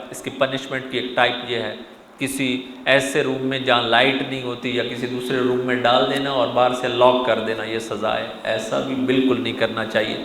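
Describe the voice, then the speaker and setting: Man giving an animated lecture in an echoey hall. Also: mid-range voice. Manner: animated, addresses the audience directly with frequent rhetorical questions. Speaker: religious lecturer. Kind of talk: sermon-style parenting lecture. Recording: echoey hall with faint room noise.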